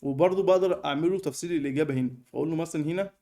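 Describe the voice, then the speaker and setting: A young man with an Egyptian Arabic accent walking through a screen-recorded software tutorial in a fast, chatty way, with many fillers. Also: on the high side. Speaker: online course tutor.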